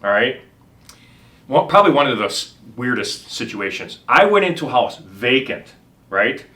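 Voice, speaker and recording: A middle-aged man with a bright, forceful voice tells his stories as a home inspector. He rambles, pauses on ums and restarts his sentences in loose conversation. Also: medium pitch, very animated. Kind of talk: casual storytelling.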